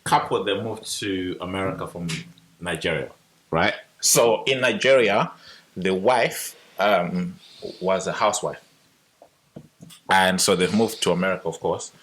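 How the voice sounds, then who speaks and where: A young man co-hosting a podcast, explaining points in a calm, measured casual chat. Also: low voice. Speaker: podcast co-host. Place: podcast studio.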